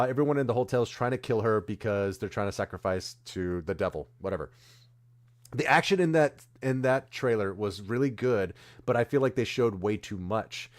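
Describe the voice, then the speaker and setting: A man co-hosting a stream, chatting casually about movie trailers and often losing track of names mid-sentence. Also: fairly low pitch. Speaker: streamer co-host. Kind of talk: casual chat.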